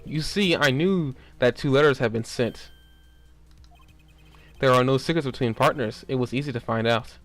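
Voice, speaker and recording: A man's voice: medium pitch, normal speed, long pauses, fairly bright tone, close to an everyday voice. A man voicing a remorseful stage magician in a video game, with grandiose, formal phrasing. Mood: confessional. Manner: grandiose, old-fashioned phrasing.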